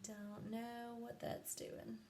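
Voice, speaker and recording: Woman, unhurried and sleepy, rambling craft demo; roomy echo, faint hiss behind. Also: on the high side, little pitch movement, darkish tone. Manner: chatty, rambling, full of ums and asides. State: sleepy, yawning. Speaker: craft vlogger. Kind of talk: live craft demonstration. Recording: echoey room, faint background noise.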